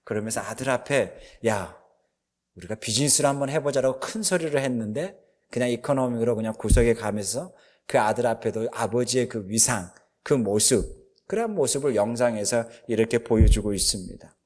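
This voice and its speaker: A man's voice: medium pitch, a little fast, a little mellow. A male pastor preaching a sermon, retelling a film's story in a conversational way with frequent fillers.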